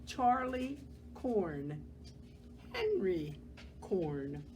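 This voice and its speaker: Gently and expressively, a woman with a mid-range voice reads a children's picture book aloud in the manner of a library storyteller, breaking off to talk about the pictures.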